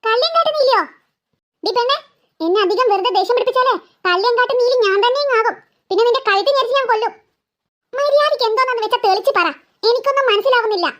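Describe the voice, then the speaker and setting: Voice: very high-pitched, fast talker, fairly bright tone. A performer voicing an impatient mother who scolds and threatens her daughter. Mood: scolding. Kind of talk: cartoon voice acting.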